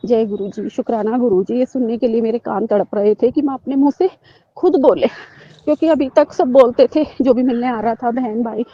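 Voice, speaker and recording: A woman in her thirties speaking earnestly to fellow devotees, telling long personal stories in a rambling way, with many pauses and fillers. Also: fairly high pitch, warm tone, no room sound, highs cut off. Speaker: devotee sharing satsang talk. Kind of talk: devotional personal talk to followers.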